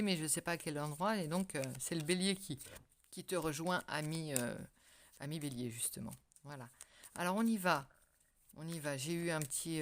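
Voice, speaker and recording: A woman with a notably low voice talks the viewer through a tarot reading in a loose, conversational way. She pauses often on fillers and reworks her phrases as she goes, speaking directly to whoever is watching. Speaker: tarot card reader. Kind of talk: casual spoken tarot reading to camera.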